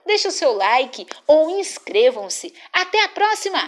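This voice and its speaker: Woman, children's storyteller, expressive sing-song delivery, bright high pitch with wide swings. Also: measured pace. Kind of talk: reading a picture book aloud.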